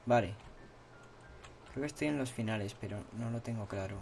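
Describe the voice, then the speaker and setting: A man with a Spain Spanish accent giving horror let's-play commentary, repeating himself and yelling and swearing at the game. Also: mid-range voice, normal speed, creaky, soft background music. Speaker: gaming channel host.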